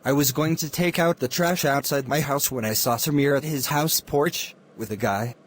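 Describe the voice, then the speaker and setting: A man's voice: medium pitch, moderate pace, a little hiss or hum, natural voice. A man playing an ordinary, unsure neighbour giving a witness statement in a murder mystery film. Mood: hesitant.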